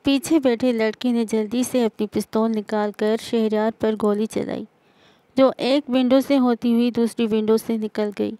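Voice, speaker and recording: Mellow-voiced woman narrating a novel. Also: fairly high pitch, steady tone, dry recording.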